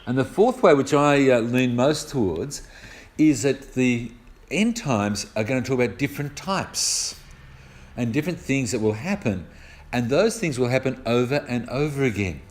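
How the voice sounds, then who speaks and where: An older Australian man gives a Bible teaching in an easygoing, conversational style. He walks through each point step by step and drops in homely stories along the way, with a voice of ordinary middle pitch. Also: expressive, normal speed. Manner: conversational, explains step by step with personal anecdotes. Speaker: preacher. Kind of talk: sermon teaching on scripture.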